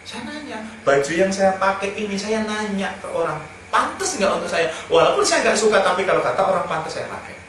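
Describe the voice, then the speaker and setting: Man, fairly high voice, joking anecdotal speaker, recorded far off the mic. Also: sing-song, fairly quick, fairly bright tone. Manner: anecdotal, joking, chuckles between points. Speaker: speaker giving advice on self-improvement. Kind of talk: casual humorous talk. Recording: very echoey room, speaker far from mic, faint noise.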